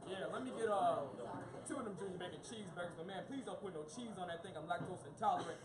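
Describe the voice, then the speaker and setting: A woman's voice: fairly low pitch, quick pace, crowd noise, voice pushed down, close to an everyday voice. A woman voicing a scatterbrained, slangy male drive-thru customer in a stand-up bit, rambling and hesitant. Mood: casual, pleading. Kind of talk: stand-up comedy character bit. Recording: echoey room with loud audience.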